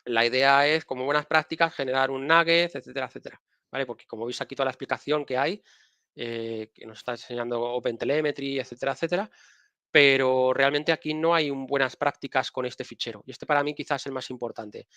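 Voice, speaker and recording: A man with a Spanish accent talks through software in a relaxed, conversational way. He is a guest on a live technical stream, walking viewers through his screen, and he often restarts his phrases. The sound is dry and close, with no room around it. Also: mid-range voice, brisk, smooth, no echo. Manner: casual, explains while sharing screen, frequent restarts. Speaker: guest speaker.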